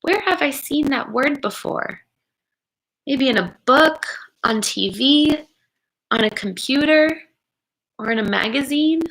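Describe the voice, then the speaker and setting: In a low-quality recording, a woman educator with a high voice reads a picture book aloud to children. She is expressive and encouraging, breaking off to wonder aloud and speak to the kids listening.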